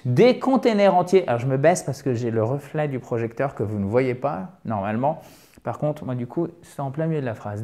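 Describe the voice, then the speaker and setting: A French man teaching English pronunciation on camera in a lively, emphatic way, drilling words by repeating them. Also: medium pitch. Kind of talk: video lesson. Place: indoor filming set with a spotlight. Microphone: camera mic, moves around in frame.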